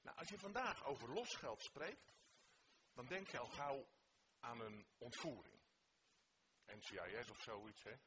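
Male preacher, expressive sermon voice, lively pitch, noisy church recording. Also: unhurried, pauses often. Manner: expressive, swings from hushed to emphatic. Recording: noticeable background noise.

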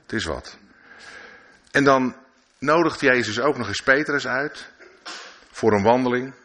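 A man's voice: mid-range voice, measured pace, fairly bright tone. A man preaching a sermon at a church service, reading scripture and adding conversational asides and questions to his listeners.

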